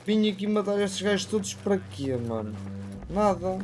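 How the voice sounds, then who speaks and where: A man's voice: high-pitched, animated, fairly quick. A man with a European Portuguese accent giving casual, sweary, informal commentary while playing a video game. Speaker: gameplay streamer. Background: game music and sound.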